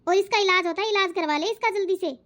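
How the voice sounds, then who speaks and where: An outspoken older aunt in a family cartoon, voiced by a woman, blunt and lecturing yet fair. Her voice is very high, and she talks at a quick clip. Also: a bit bright. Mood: reproachful. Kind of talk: cartoon voice acting.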